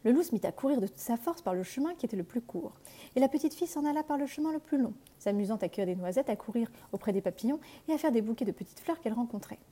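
A woman narrating a fairy tale aloud in a measured, expressive reading, like a teacher. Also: on the high side, slightly rough. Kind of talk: storybook narration.

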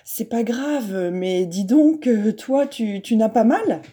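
A woman's voice: fairly high pitch, slow pace, pitched above the performer's own voice. A woman doing a small, chatty schoolboy. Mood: concerned. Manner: lively, chatty.

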